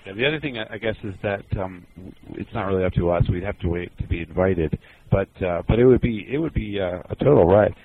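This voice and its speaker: A man's voice: low-pitched, fast talker, hardly any pauses. A man in a band reading out fan questions and answering with dry jokes. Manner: dry, joking. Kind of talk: casual Q&A chat. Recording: tinny phone-like line with noise.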